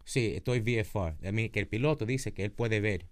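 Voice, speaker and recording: A man's voice: lowish voice, normal speed. A man informally explaining radio traffic, repeating himself and dropping English phrases in, close on a studio microphone. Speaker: aviation commentator. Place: small padded podcast studio. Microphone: boom-arm studio microphone, headphones.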